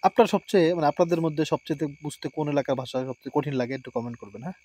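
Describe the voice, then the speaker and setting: A man with a Barishal-area accent talks casually to viewers while he cooks at home. His voice sits slightly high, and he keeps adding short affirmations between his thoughts. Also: very fast, dark tone, slightly rough. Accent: Barishal-area Bangla. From Barishal area, Bangladesh. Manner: chatty, often adds "হ্যাঁ". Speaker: vlogger cooking at home. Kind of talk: casual chat to camera. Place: rural home at night, outdoors.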